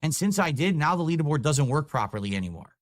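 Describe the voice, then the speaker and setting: A man's voice: a little high, big pitch swings, fast talker, no room sound. Frustrated young male streamer, dry close mic. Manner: frustrated, swearing while fixing stream software. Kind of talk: casual livestream chat.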